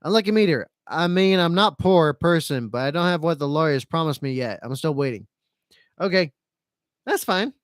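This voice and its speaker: A man's voice: a little high, animated, moderate pace, dry recording, studio quality. A man hosting a casual live stream, reading out chat comments and rambling repetitively in a self-pitying, resigned, sweary way. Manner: rambling and repetitive, circling back over phrases.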